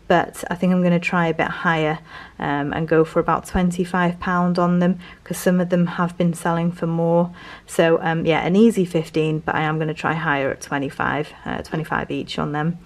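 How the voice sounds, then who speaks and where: A British woman with a fairly low voice talks through a haul in a casual vlog style. Her delivery is hesitant and rambling, like an informal reseller commentary. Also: fairly even intonation, normal speed, hardly any pauses. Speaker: reseller vlogger.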